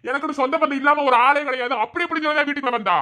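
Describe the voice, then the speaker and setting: Someone doing a mean cartoon father-in-law, madurai accent, high pitched for a guy, fast and bright. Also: steady tone. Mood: taunting. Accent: Madurai Tamil. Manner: taunting, shouting insults. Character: angry middle-aged father-in-law, scornful and bullying. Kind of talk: cartoon voice acting.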